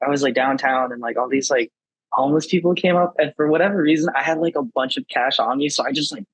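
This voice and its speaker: A hoarse man in his twenties, co-hosting a podcast in casual chat and telling rambling stories in a laid-back way. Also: mid-range voice, quick pace, dry recording, rough recording. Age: 20s. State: hoarse, raspy from a cold. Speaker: podcast co-host.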